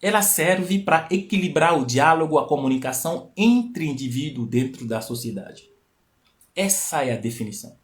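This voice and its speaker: On a live stream, a man hosts a talk and teaches in an animated voice that sits on the high side, at a moderate pace. Portuguese is not his first language. He explains things, repeats key phrases, and builds to rising, emphatic peaks, picked up by a live stream mic.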